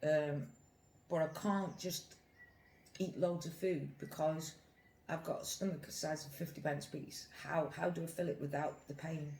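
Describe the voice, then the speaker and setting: British accent, medium pitch, casual opinionated vlog talk, rambling, repetitive emphasis, echoey room. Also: fairly even intonation, unhurried, creaky, a little mellow, a little hiss or hum. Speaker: mukbang vlogger.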